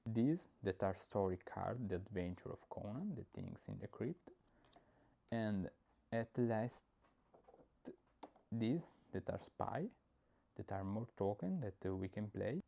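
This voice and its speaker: Speaking lowish with lively intonation, this young adult from Italy has a creaky, mellow voice captured on dull-sounding audio. He walks through board game rules in halting English, frequently stopping to search for words and leaning on fillers.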